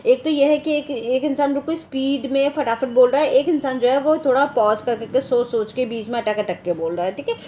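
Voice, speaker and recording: A woman teaching an exam-prep lecture in a lively way, asking her own questions and answering them. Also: sits high, brisk, hardly any pauses, a little hiss or hum.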